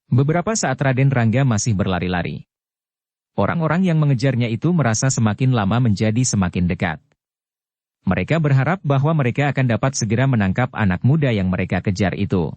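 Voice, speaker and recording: A man reading a martial-arts novel aloud as a steady audiobook narrator who barely changes his voice for the characters. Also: medium pitch, a little fast, dry recording.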